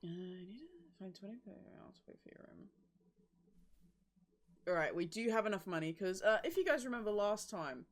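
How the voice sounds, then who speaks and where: A woman hosting a casual game stream, playful and quick to laugh. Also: medium pitch, expressive. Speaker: streamer host. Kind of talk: casual gameplay commentary.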